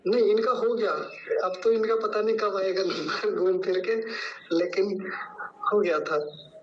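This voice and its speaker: A man leading an online class by call, relaxed and encouraging, and gently correcting a student. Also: high voice, unhurried, slight background noise. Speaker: class leader. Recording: dull lo-fi call audio.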